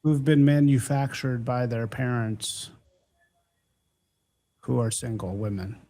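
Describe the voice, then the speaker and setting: Gravelly rambling man. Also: medium pitch, takes it slowly, warm tone. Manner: rambling, hesitant. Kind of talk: casual podcast chat.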